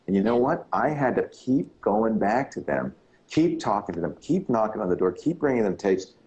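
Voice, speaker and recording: A middle-aged man and radio broadcaster in casual chat, telling stories in a relaxed way. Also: normal speed, highs cut off. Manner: relaxed storyteller, slips into deep announcer voice.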